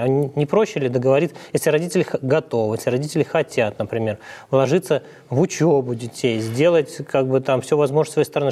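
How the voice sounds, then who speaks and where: A man's voice: medium pitch, warm tone. A man hosting a group discussion, asking probing questions and steering the talk. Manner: probing, asks pointed questions. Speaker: host. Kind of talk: panel discussion moderating.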